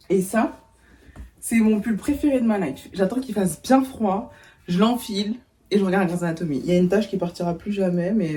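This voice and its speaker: A woman's voice: medium pitch, warm tone, rough recording. A young woman chatting casually in a home vlog from her bedroom, slangy and self-mocking. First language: not English. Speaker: vlogger.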